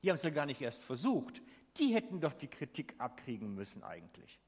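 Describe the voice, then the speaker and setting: Preacher in a reverberant church hall. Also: male voice, medium pitch, big pitch swings, brisk, husky. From Switzerland. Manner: emphatic, asks the congregation questions. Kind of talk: sermon.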